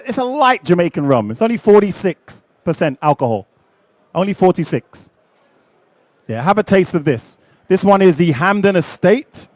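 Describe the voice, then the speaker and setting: A middle-aged man leading a live rum tasting, lively and jokey, chatting with his audience. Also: fairly high pitch, no room sound.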